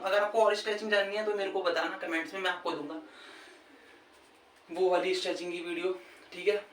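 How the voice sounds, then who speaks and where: This vlog features a man with a high, slightly bright voice giving relaxed, talkative cricket fitness tips, often addressing the listener as "brother" and checking "okay". The sound is echoey and far off, with faint ambient noise and a televised match in the background.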